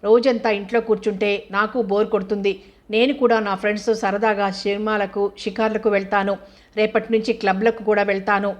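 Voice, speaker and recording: A woman's voice: mid-range voice, little pitch movement, fast, natural voice. A woman voicing an angry, hurt young wife who accuses her husband with bitter sarcasm. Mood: bitter, reproachful.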